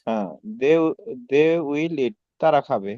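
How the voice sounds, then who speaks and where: A male student reading English practice sentences aloud, halting and repeating each one. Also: mid-range voice, animated, warm tone, no echo, lo-fi sound.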